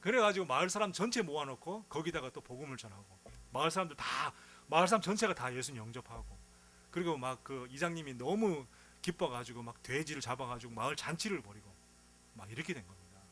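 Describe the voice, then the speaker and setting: Animated man preaching a sermon. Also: mid-range voice, fast talker. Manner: animated storytelling with rhetorical questions. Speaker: pastor.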